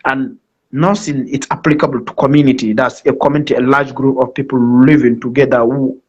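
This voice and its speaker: A man's voice: medium pitch, steady tone, fairly quick, a little mellow, breathy edge. A man from Nigeria with a Nigerian accent speaks formally as a guest presenter on a live online talk, explaining things with emphatic repetition. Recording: dull lo-fi online call audio.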